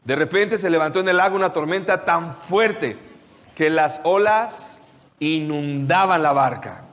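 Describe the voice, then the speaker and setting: A man preaching a sermon, retelling the story with lively questions to his listeners. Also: a little high, unhurried, in a large hall. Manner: animated storytelling, asks the audience questions.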